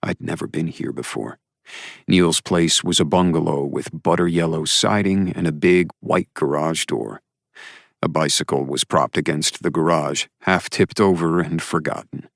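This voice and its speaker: Very deep gravelly male narrator. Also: a little slow, dry recording, studio quality. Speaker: audiobook narrator. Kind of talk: first-person romance narration.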